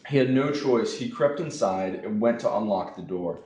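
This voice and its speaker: Young male reader, expressive storybook read-aloud, fairly low voice, echoey room. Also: normal speed. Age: young adult. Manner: expressive reading. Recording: roomy echo.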